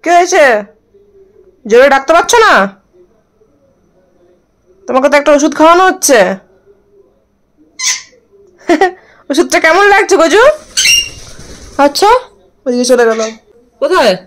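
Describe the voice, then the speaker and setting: A woman's voice: high-pitched, unhurried, long pauses, poor audio. A woman vlogger talking tenderly to her pet parrot in a coaxing, affectionate way. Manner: coaxing, affectionate baby-talk to the bird. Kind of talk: casual talk to a pet parrot.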